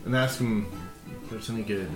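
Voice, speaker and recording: A man's voice: lowish voice, fairly even intonation, a little fast. A man playing a tabletop game, casually describing what his character does. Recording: echoey room, music behind.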